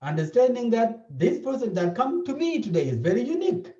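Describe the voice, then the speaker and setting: This South Sudanese therapist has an extremely high, warm voice with big pitch swings, talking a little fast. In an interview he explains things earnestly and repeats himself often, with a South Sudanese accent. The audio is dull, echoey and captured from afar.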